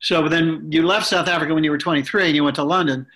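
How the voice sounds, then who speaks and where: A man's voice: on the high side, steady tone, fast, fairly bright tone. A man hosting an interview podcast who asks long, rambling questions with many restarts. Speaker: host and interviewer.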